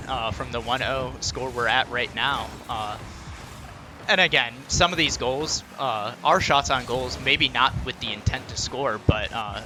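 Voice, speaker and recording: A man giving esports color commentary, relaxed analysis with plenty of ums and uhs. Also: medium pitch, background noise. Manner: relaxed analysis with many fillers.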